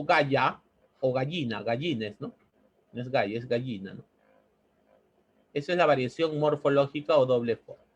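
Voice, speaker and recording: Male teacher, slightly high-pitched voice, explains step by step with repetition. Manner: explains step by step, repeating words and asking "¿no?". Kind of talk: classroom grammar lesson.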